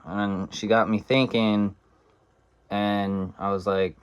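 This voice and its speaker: A man's voice: lowish voice, little pitch movement, slow, smooth, highs cut off. A young man telling a casual story in a blunt, profane, rambling way.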